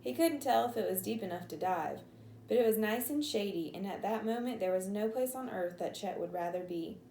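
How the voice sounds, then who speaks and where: A woman's voice: mid-range voice, lively intonation, brisk, mellow, reverberant, slight background noise, low-quality recording. A woman teacher reads a chapter book aloud to her class, lifting her voice for the characters' lines and stopping now and then to explain a word.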